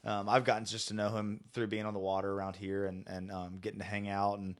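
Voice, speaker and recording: A man in his late twenties co-hosting a podcast in a studio, talking in a relaxed, easygoing storytelling way. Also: lowish voice, quick pace. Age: late 20s. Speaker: podcast co-host. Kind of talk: casual podcast chat.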